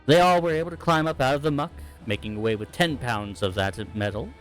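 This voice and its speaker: A man's voice: mid-range voice, expressive, a little fast. Male game master, rambling, self-correcting, tabletop recap, faint background music.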